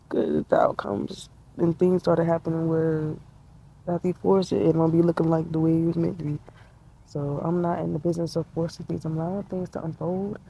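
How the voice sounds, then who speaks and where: Woman, twenties, casual reflective vlog chat, mellow dark tone, slangy and spiritual, outdoors in a tree. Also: fairly low pitch, vocal fry, slight background noise, rough recording. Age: 20s. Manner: laid-back, spiritual, slangy, laughs often. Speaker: vlogger.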